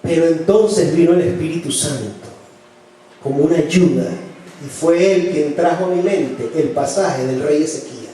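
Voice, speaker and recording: In a church hall, a man with a slightly high, dark-toned voice preaches without hurry, earnestly recounting personal experiences and changing his delivery for quoted lines. The recording is taken from a distance, very echoey, with a little background noise.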